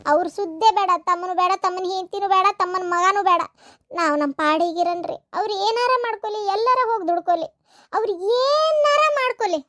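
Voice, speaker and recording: A woman playing an anxious, sharp-tongued village mother in a family skit, with a North Karnataka Kannada accent. Her voice sits very high and the words tumble out fast. She swings between pleading and bitter scolding. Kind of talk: village family drama acting.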